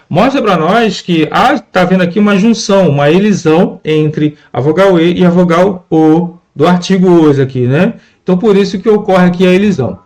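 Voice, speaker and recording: A man teaching a lesson on scanning verse, patient and repetitive, often checking in with "né?". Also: sits high. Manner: patient, repeats words and asks "né?" often. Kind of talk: classroom lesson explaining poetry scansion.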